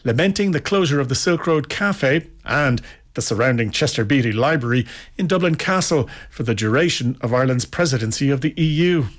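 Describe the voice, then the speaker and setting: A man's voice: medium pitch, animated, brisk. A man presenting a radio magazine programme, reading links and questioning a reporter.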